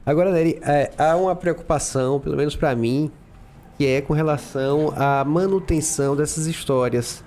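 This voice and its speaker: Mellow-voiced male podcast host. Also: fairly high pitch, normal speed, slight background noise. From Brazil. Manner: calm questioner, brief backchannels. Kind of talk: podcast interview.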